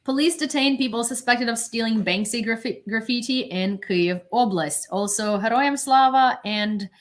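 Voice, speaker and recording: A woman's voice: on the high side, moderate pace. Rambling young woman on webcam. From Ukraine. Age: young adult. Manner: rambling, self-conscious, many fillers and restarts. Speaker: independent journalist. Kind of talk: casual news livestream commentary. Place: small bedroom at home. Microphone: webcam on desk.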